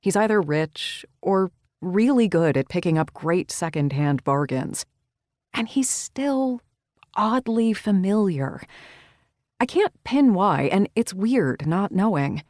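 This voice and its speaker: A woman narrating a first-person romance audiobook with wry, expressive storytelling. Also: medium pitch, slow pace, no room sound, studio quality.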